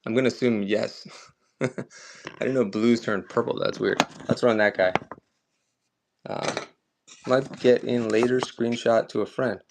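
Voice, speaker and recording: A man's voice: mid-range voice, steady tone, measured pace, gravelly, pauses often, noisy background. A man running a live collectibles auction stream, chatting casually and upbeat with viewers as he sells items.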